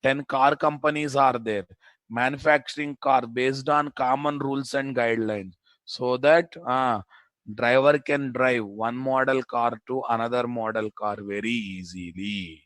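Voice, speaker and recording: A man's voice: mid-range voice, a bit bright, dry recording. A man with a Telugu Indian accent giving an informal live technical lecture as a programming instructor, repeating phrases for emphasis and answering his own questions. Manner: informal, addresses students as boss.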